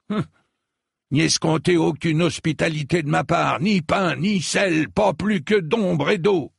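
Brief: male reader voicing an old knight, booming and indignant, pushed way up high and loud, gravelly edge. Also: dry recording, clean studio sound, full character voice. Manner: thundering, indignant. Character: bellowing old knight, proud and quarrelsome.

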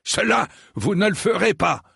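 Brief: male reader voicing an old knight, booming and indignant, pushed way up high and loud, gravelly edge. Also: a little slow, dry recording, studio quality, exaggerated voice. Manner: thundering, indignant. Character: bellowing old knight, proud and quarrelsome.

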